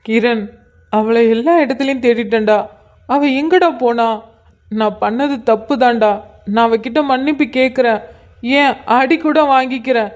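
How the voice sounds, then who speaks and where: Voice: mid-range voice, normal speed, close to an everyday voice. A performer voicing a remorseful young husband in a cartoon, pleading and blaming himself. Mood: anguished. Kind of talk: cartoon voice acting.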